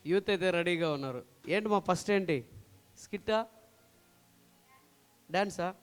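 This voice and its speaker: A man's voice: sits high, moderate pace, clear, resonant tone, long reverb tail. A man acting as emcee in a church, upbeat and rallying the congregation.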